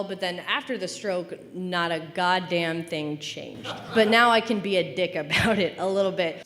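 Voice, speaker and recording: Deadpan young woman doing stand-up. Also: medium pitch, big-room sound. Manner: dry, deadpan delivery with bursts of mock-cheerful quoting. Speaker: open mic comedian. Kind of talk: stand-up storytelling.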